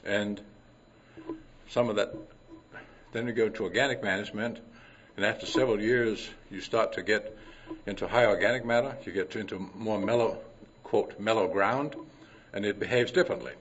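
An older man from Denmark presents at a conference, pausing often to clear his throat between folksy asides. His voice sits fairly low. The recording is dull and lo-fi, with faint noise behind him. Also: a bit bright. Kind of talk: conference talk with anecdotes.

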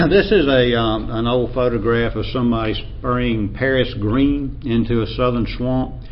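A man with an Appalachian American accent giving an informal academic lecture in a measured, hesitant way, often clearing his throat. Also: mid-range voice. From Appalachian United States. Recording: dull lo-fi sound, faint background noise.

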